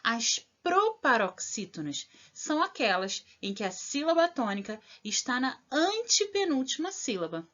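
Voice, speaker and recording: A woman teacher, giving a recorded lesson to children, spelling out examples slowly and with clear stress and often checking in with the listener. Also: high-pitched, very animated, fairly bright tone. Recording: dull lo-fi audio.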